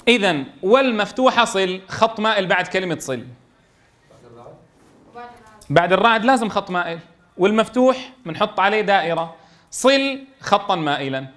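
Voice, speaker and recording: A man's voice: sits high, expressive, a little fast, pauses often, a bit bright. A man leading a classroom tajweed lesson for Quran teachers, explaining step by step and checking in with his students.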